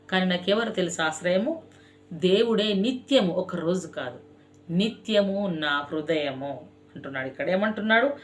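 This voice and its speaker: A woman preacher giving a sermon. She exhorts the listener directly, and her repeated scripture phrases are drawn out slowly and emphatically before falling away soft. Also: fairly low pitch. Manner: slow emphatic chanting of scripture phrases, swelling then dropping soft; repetitive exhorting address to the listener.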